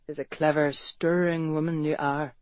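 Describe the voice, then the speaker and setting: With a fairly high, steady voice at normal speed, an actor plays a bold, protective man in Victorian London who speaks matter-of-factly before turning coaxing and flirtatious. The mood is teasing, and the sound is natural with no echo.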